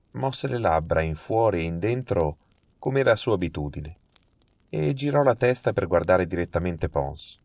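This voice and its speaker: A man from Italy reading a mystery story aloud, measured and dramatic. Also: low-pitched, a little mellow, dry recording. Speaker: narrator. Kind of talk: scripted storytelling narration.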